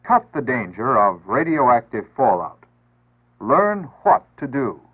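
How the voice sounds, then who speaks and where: A slightly rough, medium-pitched American man takes his time reading a 1960s civil defense announcement from a script, with large pitch swings. He speaks in an earnest, formal, instructive manner. The recording has the tinny, band-limited character of 1960s radio archives.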